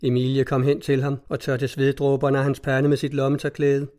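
A man narrating a story as an audiobook, in a steady, measured reading voice. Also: medium pitch.

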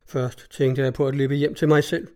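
A male reader voicing a tired, sulky army lieutenant in a storybook reading, speaking slowly and gruffly. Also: medium pitch, little pitch movement, warm tone, lightly acted. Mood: weary. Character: weary, grumpy young army lieutenant.

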